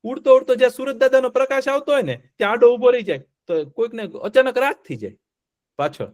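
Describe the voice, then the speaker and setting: A man's voice: extremely high pitch, animated, brisk, darkish tone. A man telling a story to children as a teacher, asking them questions and repeating the answers playfully. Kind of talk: interactive storytelling lesson for children.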